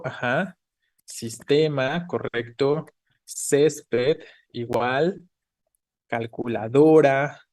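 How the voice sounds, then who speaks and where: A man teaching an online class, explaining patiently and checking in with the students often. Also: medium pitch. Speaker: Spanish teacher.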